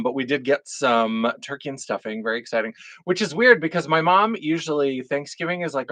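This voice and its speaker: A North Dakota man who performs in drag hosts a casual live unboxing stream, chatting, swearing now and then and greeting viewers in chat. His mid-range voice is a bit bright but froggy and phlegmy, recorded with no room sound.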